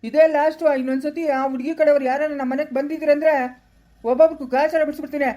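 A woman with a rural Karnataka accent, playing a harsh in-law who scolds loudly in a family drama skit. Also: high voice, fairly even intonation, rapid-fire, natural voice. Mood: scolding. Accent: rural Karnataka Kannada. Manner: scolding, loud and cutting.

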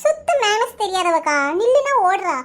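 A woman with a Kanyakumari Tamil accent voicing a fierce, protective village woman who scolds loudly. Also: very high-pitched, sing-song, normal speed. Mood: consoling. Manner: loud scolding, threatening.

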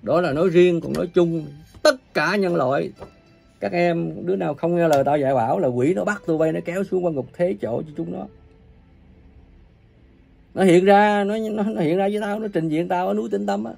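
A man preaching an angry, ranting sermon, cursing and scolding his listeners with coarse insults, his volume swinging from loud bursts to low mutters. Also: brisk, vocal fry, soft background music. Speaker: self-proclaimed religious preacher.

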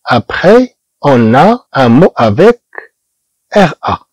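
A man from Morocco who teaches beginners French. He repeats each word slowly and explains it in Moroccan-accented Arabic. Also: a little high, sing-song, a little mellow, dry recording, rough recording. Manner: slow repetition of words, explaining in Arabic.

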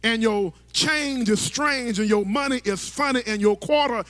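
This sermon comes from a middle-aged man preaching on a church stage with a handheld microphone, his voice very high-pitched and a bit bright at a normal pace. He falls into rhythmic sing-song phrasing with stammering restarts, all carried by long church hall reverb.

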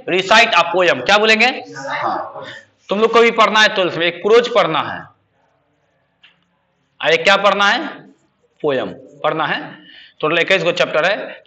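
A man's voice: sits high, bright, forceful tone. A man teaching a spoken English class, quizzing students with repeated questions. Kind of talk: classroom lesson.

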